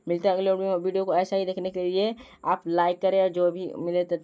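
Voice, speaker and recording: Halting woman reading quiz answers. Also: lowish voice, completely flat delivery, warm tone, smooth. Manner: repetitive, halting reading with restarts and fillers. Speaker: teacher presenting school assembly quiz.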